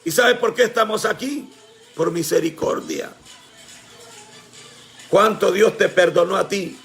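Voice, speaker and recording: A man preaching a sermon with fervor, often shouting and calling on his congregation as brothers. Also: high-pitched, unhurried, vocal fry, faint music behind.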